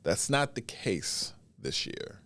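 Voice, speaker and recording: Fairly low in pitch yet very animated and sharp in tone, a man getting over a cold runs his wrestling podcast alone, chatting casually in drawn-out, pause-filled phrases. He sounds stuffy and congested, and the recording has no room sound.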